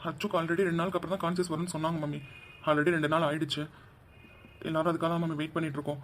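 A man voicing a young man who gently coaxes his mother to stop crying, in a cartoon dub. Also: fairly high pitch, little pitch movement, rapid-fire, a little hiss or hum, close to an everyday voice. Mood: gentle. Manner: gentle, coaxing.

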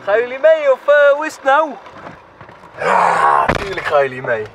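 A young man with a very high voice and wildly swooping pitch talks casually to viewers on a travel vlog at normal speed, chatty and upbeat, throwing in playful mouth sound effects. He's filmed on a handheld camera in a car and outdoors, with background music under his voice.

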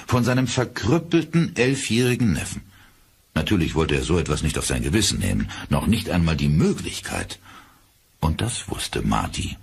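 A man narrating a horror audiobook in a dramatic, expressive storytelling manner. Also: very deep voice, moderate pace, gravelly, husky.

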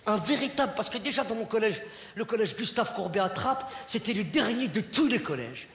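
A male stand-up comedian in his thirties, telling stories on stage with lively, animated delivery and sudden shouted bits. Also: sits high, brisk. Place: large concert hall. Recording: echoey hall recording with loud crowd. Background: audience laughing.

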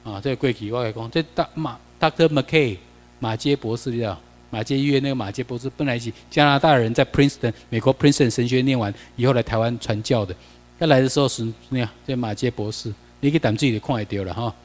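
A Taiwanese-accented man lectures a class over slides and keeps peppering them with questions. His voice sits at a middling pitch. The long reverb of the lecture room trails behind every phrase. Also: quick pace. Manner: chatty, mixes in Taiwanese Hokkien, asks the class questions.

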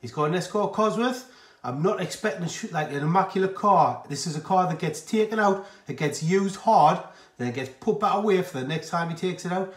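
Quick, lively car vlogger man. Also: sits high, slightly rough. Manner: chatty, quick questions. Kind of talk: casual chat. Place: outdoors by a car. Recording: outdoor street noise.

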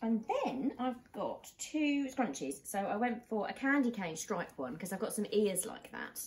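A woman's voice: medium pitch, big pitch swings, measured pace, noisy background. A British woman in her thirties chatting casually as a vlog co-host in her living room.

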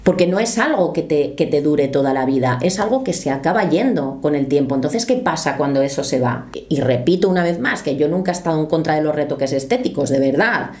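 Her deep, expressive, slightly mellow voice moves briskly with hardly any pauses. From her small home studio, this YouTube commentator addresses the camera earnestly, explaining, reading quotes aloud and gesturing with her hands.

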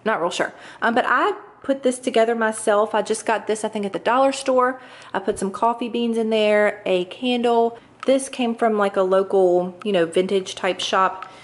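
A woman's voice: mid-range voice, normal speed. A young woman, chatting casually and upbeat while showing her home on a handheld camera. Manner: chatty, upbeat, lots of fillers. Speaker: lifestyle vlogger. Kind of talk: casual home tour chat. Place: large home kitchen and dining room, indoors. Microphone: handheld camera mic.

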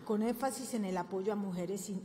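The speaker, an older woman presenting formally at a conference, has a mid-range, dark-toned voice and a brisk pace, full of fillers and self-corrections. Her podium mic in the government press room captures reverb, faint ambience and a little hiss or hum.

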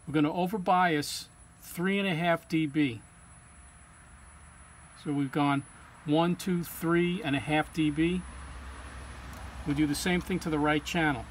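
This technician's voice is a little high and somewhat bright as he demonstrates equipment calibration. He explains the informal tutorial step by step in plain language, with clear background hum or ambient noise in the recording.

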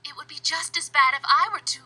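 Cartoon she-devil: high, sharp, sly and insinuating. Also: fast talker. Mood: mocking, accusing. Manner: mocking, insinuating. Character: sly, teasing adult female devil teacher. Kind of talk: animated series dub acting.

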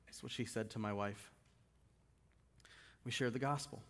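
A middle-aged man preaching a sermon in a church, retelling stories and dropping his voice low and soft for quoted lines. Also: moderate pace. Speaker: guest preacher. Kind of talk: sermon with storytelling. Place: church sanctuary.

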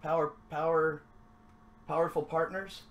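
A man's voice: fairly high pitch, level tone, measured pace, fairly bright tone. A man hosting a trading card break, chatting casually as he opens packs, upbeat and then mumbling to himself. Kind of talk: casual card-opening commentary.

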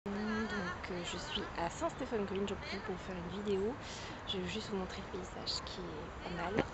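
A woman's voice: mid-range voice, moderate pace, heavy background noise. A young woman chatting casually while giving a tour of her home, with plenty of fillers and asides. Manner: chatty, coos at her dog. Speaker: vlogger.

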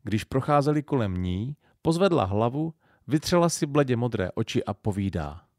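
A man with a Silesian accent reading an audiobook in an expressive storytelling style. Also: mid-range voice, dry recording, clean studio sound. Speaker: audiobook narrator. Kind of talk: scripted narration.

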